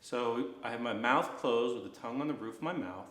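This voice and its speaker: A man instructing a guided breathing practice in an unhurried, gently reassuring manner. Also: medium pitch, echoey room.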